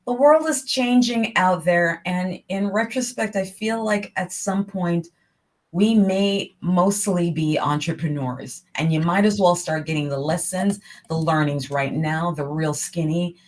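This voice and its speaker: A woman from New York hosting an online interview show, energetic, enthusiastic and quick to laugh, heard over a video call. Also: on the low side. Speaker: talk show host.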